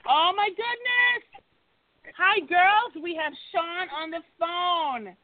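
High woman host over a tinny phone line. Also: slow, a little hiss or hum. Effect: heard over a phone line. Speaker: call-in show host. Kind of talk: phone-in talk show hosting.

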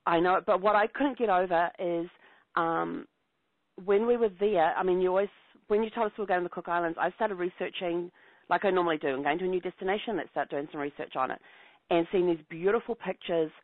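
A bubbly New Zealand woman hosts a travel show, chatting eagerly and laughing easily. Her voice sits a little low for a woman. The sound is dry and narrow, like a phone line. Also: brisk, no room sound. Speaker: travel podcast host. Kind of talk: enthusiastic casual interview.

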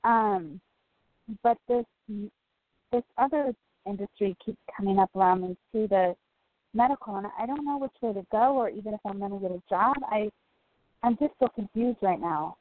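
Middle-aged female caller, mid pitch, tentative conversational delivery, dull close dry audio. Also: moderate pace, no room sound. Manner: hesitant, unsure. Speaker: caller seeking guidance. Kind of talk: casual call-in conversation.

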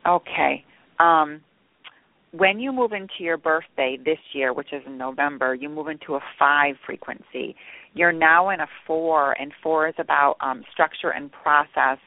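Over a tinny, narrow telephone-like line with very little room sound, a woman speaks as a spiritual medium. She gives intuitive readings and meditation guidance, often pausing and repeating a phrase before moving on. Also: low voice, dry recording. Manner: halting, repetitive phrasing with reflective pauses. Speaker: spiritual medium and show host.

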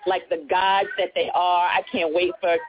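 A woman from Baltimore calling in to a radio show over a phone line, excited and drawing out her words for emphasis. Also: on the low side, normal speed, slight background noise. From Baltimore, Maryland. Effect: heard over a phone line. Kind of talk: call-in chat.

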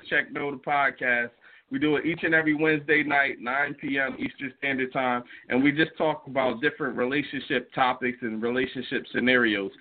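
A man hosting a casual relationship podcast, talking loosely with many restarts and fillers, often breaking into laughter. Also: medium pitch. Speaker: podcast host. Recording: tinny phone-like line.

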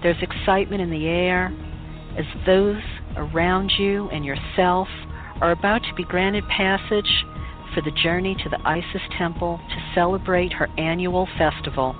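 A woman leading a guided meditation in a calm, soothing, unhurried voice with pauses. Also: lowish voice. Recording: muffled phone-like recording with music. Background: meditation music.

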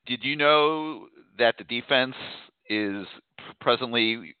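A man talking sports on a phone line that keeps breaking up, halting and hesitant. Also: medium pitch, clean tone, no echo. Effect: phone line breaking up and cutting out. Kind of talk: sports radio debate. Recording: tinny dry phone line.

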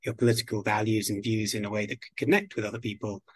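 A man from the United Kingdom being interviewed as a guest on a podcast, speaking in a measured, articulate way. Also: lowish voice, steady tone, breathy edge, no echo. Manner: measured, articulate, slow and deliberate. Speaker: guest expert on biodiversity.

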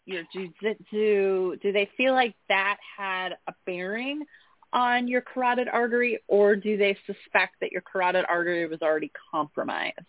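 A woman's voice: medium pitch, normal speed, no room sound. A woman hosting a podcast interview, conversational and affirming as she asks her questions. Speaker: podcast host. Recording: dry, tinny phone-like line.

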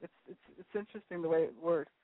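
Eager fast-talking woman in her fifties. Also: lowish voice, no echo. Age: 50s. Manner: eager, repeats herself for emphasis. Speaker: guest caller. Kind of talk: casual phone chat. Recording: dry phone line.

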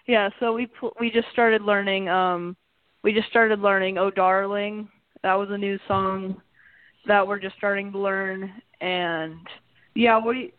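A man's voice: high voice, no echo. Caller, male, crackly cell phone line that fades in and out, hesitant and casual, tinny and dry. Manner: hesitant, many fillers. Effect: crackly cell phone line fading in and out. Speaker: band singer calling in.

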